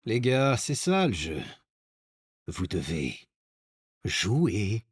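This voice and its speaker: Slow husky cartoon gambler, deep, offhand, couldn't care less. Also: male voice, huge pitch swings, exaggerated voice. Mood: nonchalant. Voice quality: very husky, breathy, low. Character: laid-back, reckless gambler who plays for fun. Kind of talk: animated cartoon dialogue.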